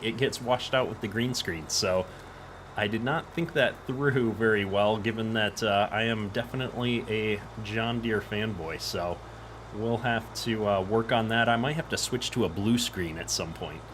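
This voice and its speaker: A man's voice: on the low side, moderate pace. A man hosting a casual game live stream, easygoing and chatty, in an echoey room. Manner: easygoing, chatty greetings to viewers. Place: echoey home office. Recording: echoey room, clear background noise.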